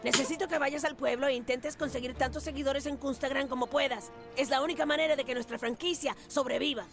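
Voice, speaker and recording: Cartoon game kid hero: high, scheming, self-important, Latin American accent, loud music underneath. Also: female voice, fairly even intonation, fast. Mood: bossy. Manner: self-important, melodramatic storytelling. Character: bossy, scheming young boy playing raccoon superhero. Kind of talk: video game cartoon dub.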